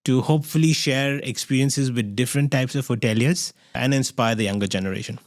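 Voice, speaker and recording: A man's voice: medium pitch, fairly quick, no room sound, studio quality. A middle-aged man from Goa, hosting a podcast interview in a rambling way with many restarts. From Goa, India. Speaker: podcast host. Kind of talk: casual interview chat.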